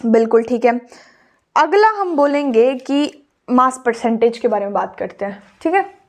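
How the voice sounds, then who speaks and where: A young woman teaching a chemistry lesson, repeating key terms slowly as she writes them out. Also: a little high, expressive. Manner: slow, repeats key terms while writing. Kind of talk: classroom lecture, Hindi-English mix.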